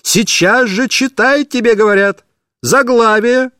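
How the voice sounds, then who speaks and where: A man's voice: high-pitched, big pitch swings, unhurried, no room sound, studio quality, pitched above the performer's own voice. A man reading a story aloud and voicing a stern, irritable woman schoolteacher who scolds and insists on answers. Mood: shouting.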